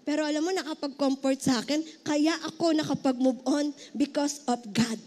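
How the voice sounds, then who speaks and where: A woman's voice: sits high, fairly even intonation, normal speed, darkish tone. A middle-aged woman pastor with a Filipino accent preaching a heartfelt sermon, now and then breaking into song.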